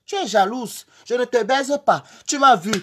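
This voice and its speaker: A man's voice: very high voice, moderate pace, sharp tone, a little hiss or hum. A man with a Cameroonian French accent ranting on a livestream in a mocking, insulting way, repeating his jabs and delivering them in a honeyed tone. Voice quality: honeyed, sweet-toned insults. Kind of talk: livestream rant.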